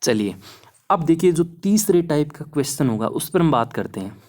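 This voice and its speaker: A young male exam-prep teacher walks students through phonetics examples at a steady clip. He keeps it casual and reassuring and often checks in with the class as he goes. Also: a little high, normal speed. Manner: encouraging, repeats "है ना" often. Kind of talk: explaining lesson over slides.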